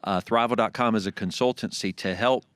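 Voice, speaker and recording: A man in his forties with a low, smooth, clear voice talks in a relaxed, easygoing way, laughing often and filling pauses as he chats. The recording is dry and close, with no room sound. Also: dry recording. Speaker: guest, accountant and consultant. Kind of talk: casual interview chat.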